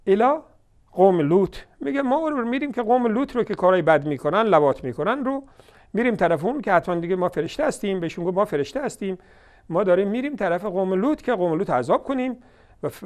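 A man with a high, light voice delivering a fiery religious lecture for television. He swings between loud scolding outbursts and low, mocking asides, and he slows right down to recite scripture word by word. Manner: heated, scolding and mocking, loud bursts then quiet asides; recites scripture slowly and deliberately.

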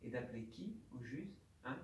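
A man, a doctor, gives a personal testimony talk at a conference, speaking haltingly with aphasia and often repeating his words. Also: mid-range voice, expressive, a little hiss or hum. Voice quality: speech marked by aphasia. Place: conference room. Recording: roomy hall, distant mic, faint ambience.

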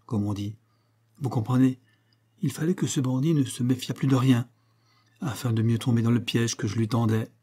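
Guy doing a sly cheerful cop, confident, husky mellow voice. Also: mid-range voice, lightly acted. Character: shrewd, cheerful male police inspector.

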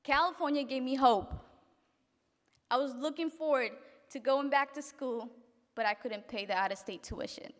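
A young woman from Africa reading a graduation speech at a podium in an event hall, earnest and halting at times. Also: sits high. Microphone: podium microphone. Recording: reverberant hall.

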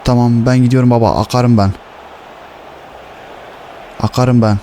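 A young man commenting on his own football video game, swearing and shouting at the players. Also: mid-range voice, steady tone, a little slow, a little hiss or hum. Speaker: gaming streamer.

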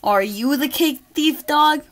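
Lady being a blustery bear detective in a kids storybook, slow and accusing, for a toddler. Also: sits high, a little hiss or hum. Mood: suspicious. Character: bossy, shifty male bear detective.

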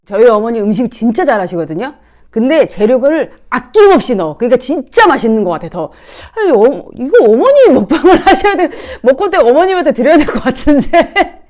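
Female mukbang host: high-ish, expressive voice, casual and playful chat straight to the viewers. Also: fairly quick.

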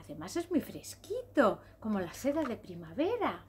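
Woman voicing a soft motherly rainbow. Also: huge pitch swings, moderate pace, a little hiss or hum. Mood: coaxing. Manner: soft, coaxing, high and hushed.

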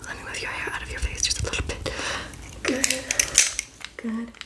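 A woman in her twenties doing a fast ASMR whispered role-play as an encouraging beauty and photo professional, repeating short phrases up close. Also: high voice, level tone, lightly acted. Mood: upbeat, encouraging. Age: 20s. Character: brisk, encouraging female makeup artist, photographer and spa worker. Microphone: close, facing the camera.

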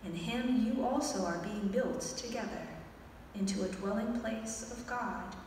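A woman with a fairly high voice reads scripture formally at a pulpit microphone. Her delivery is very slow and deliberate. Heavy church echo surrounds the voice. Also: darkish tone. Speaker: lector. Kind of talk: scripture reading and responsorial psalm. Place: indoor church sanctuary, at the lectern. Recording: echoey church, far from the mic, faint noise.

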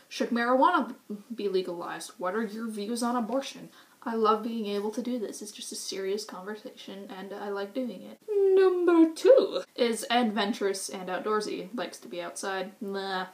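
A young woman from New England with a thick New Hampshire accent, chatting through a goofy list for her vlog, full of "like" and "um". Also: mid-range voice. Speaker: YouTube vlogger.

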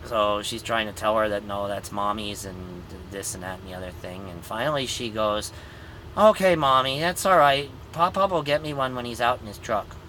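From the cab of his truck, a man in his fifties who is a driver and a grandfather says he's tired while giving viewers an easygoing, rambling vlog update peppered with ums. His lowish voice is animated and sharp-toned at a moderate pace, captured at arm's length on a phone camera in low quality with a little hiss or hum.

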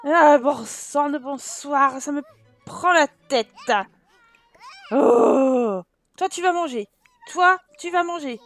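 A woman's voice: high voice, slow, soft background music. A woman from France giving casual let's-play commentary, exasperated and scolding the characters in her game, often laughing. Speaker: gaming YouTuber.

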